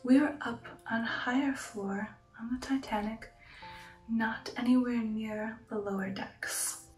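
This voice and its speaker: In an intimate ASMR roleplay, a woman plays a poised, sensual aristocratic vampire, whispering breathily and softly as she recounts her past. Her fairly high, evenly pitched voice has genteel poise, slow sensual pauses, and a steady tone, and the delivery is lightly acted and hushed, full of reminiscence. She sounds far from the mic, in a roomy echo with music behind her.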